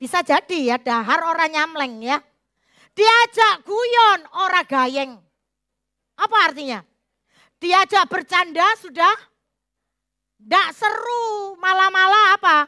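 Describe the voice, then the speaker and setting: Middle-aged lady pastor, high voice, joking sermon, dry close sound. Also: unhurried, pushed and bright, no room sound. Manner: folksy, joking, mixes in Javanese phrases.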